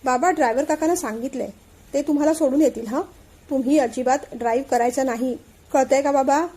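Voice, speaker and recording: Young husband, bossy and teasing, storybook reading, voiced by a woman in a high, mellow tone. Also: fast, husky. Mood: insistent.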